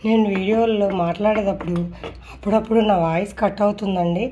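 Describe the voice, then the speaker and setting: A woman's voice: medium pitch, steady tone, fast. A woman politely narrates a home recipe step by step as a cooking vlogger. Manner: polite, instructional. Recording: faint noise with kitchen clatter.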